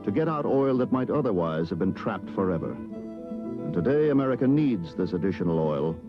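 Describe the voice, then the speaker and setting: A man's voice: deep voice, sing-song, moderate pace. A man reading earnest, scripted corporate narration as a TV commercial announcer. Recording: dull old TV ad, music bed.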